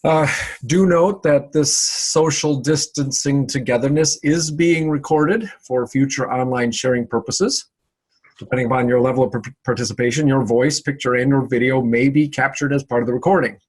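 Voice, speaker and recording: A man's voice: medium pitch, moderate pace, a little mellow, slightly rough. A man hosting a casual social hour on a video call, chatty and full of fillers and repeated words. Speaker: event host.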